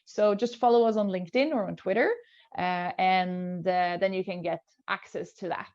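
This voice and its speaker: A woman's voice: lowish voice, steady tone, normal speed, a little mellow. Woman host on a video call, hesitant delivery with frequent fillers, slightly dull audio. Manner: hesitant, many fillers and restarts. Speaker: event host. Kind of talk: hosting a video call webinar.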